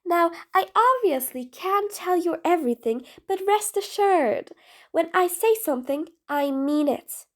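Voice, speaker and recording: A woman's voice: extremely high pitch, lively intonation, measured pace. A woman voicing a sarcastic, exasperated female supervillain in an audio role-play drama, taunting her prisoner with bossy nicknames. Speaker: voice actress.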